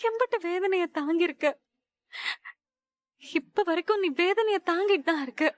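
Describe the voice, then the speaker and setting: A woman's voice: very high voice, moderate pace, dry recording. An actress in a TV serial playing a young wife who apologizes to her husband through tears. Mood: remorseful. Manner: tearful, apologetic. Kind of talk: Tamil TV serial acting.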